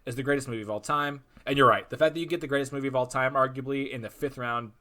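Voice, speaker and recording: A young man hosting a podcast in casual chat, animated and full of restarts and swearing. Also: mid-range voice, racing. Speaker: podcast host.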